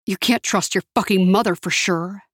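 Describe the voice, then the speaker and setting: A woman's voice: mid-range voice, normal speed, a bit bright, breathy edge, no room sound, clean studio sound. A woman voicing a tough young man who survived a cartel, talking bluntly and coarsely.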